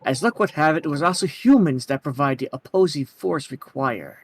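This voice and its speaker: A man's voice: on the high side, expressive, brisk, a little hiss or hum. A man voicing a solemn, godlike giant bird in a video game, speaking in stately, formal, philosophical phrases. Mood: grave, ominous. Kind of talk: reading video game dialogue aloud.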